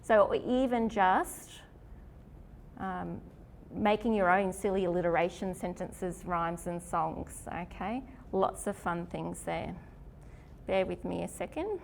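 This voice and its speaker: A woman's voice: on the low side, takes it slowly, vocal fry, slight background noise. A woman leading an informal literacy workshop. She keeps asking her audience questions and checking in with "okay?". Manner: chatty, asks the audience questions; lots of "okay?" and "isn't it?" checks. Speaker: literacy teacher.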